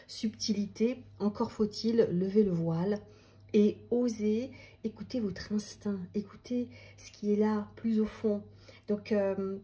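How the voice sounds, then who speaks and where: A woman with a soft-edged, dark-toned voice gives a conversational tarot reading. She addresses viewers directly in a reflective, instructive way. Her phrases come short, at a middling pitch for a woman. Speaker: tarot reader and intuition coach.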